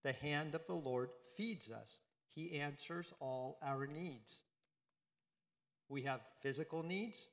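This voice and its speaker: Gravelly-voiced man preaching in a church. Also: fairly high pitch, in a large hall. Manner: conversational, repeats phrases, asks the congregation questions. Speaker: priest. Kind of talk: sermon.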